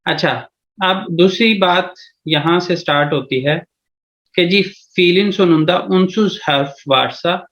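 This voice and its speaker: Slow and high-pitched, with a fairly bright tone, this Urdu-accented teacher leads a video-call language lesson. He works through each step and keeps checking on his students with "theek hai ji."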